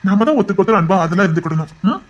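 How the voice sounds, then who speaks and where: An actor playing a gentle older brother who is a police officer, speaking with a Tirunelveli Tamil accent and consoling his siblings in a voice choked with emotion. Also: sits high, animated, racing, lo-fi sound. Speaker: actor in a TV serial. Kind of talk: TV serial acting.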